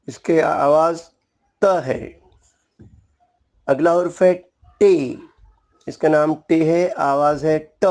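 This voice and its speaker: With a higher-than-average, darkish voice, a man teaches the Urdu alphabet at a slow pace. He patiently covers each letter's name and sound, keeping a polite, formal manner throughout.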